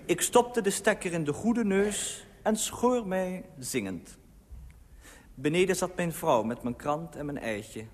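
A man reading his own comic first-person story, lively, acting out the people he quotes. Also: high voice, slow. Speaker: humorous columnist reading his own piece. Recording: old radio recording with long reverb and faint hiss.

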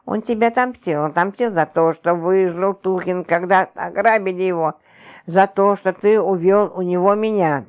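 A woman reading an audiobook, voicing a brash, coarse, scornful middle-aged wife with mocking, shrill scolding. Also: moderate pace, darkish tone, natural voice.

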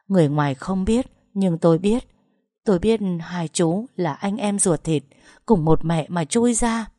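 A woman's voice: lowish voice, warm tone, dry recording, clean studio sound, lightly acted. A woman voicing an older female servant in an audio story, tearfully pleading as she confesses. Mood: confessional.

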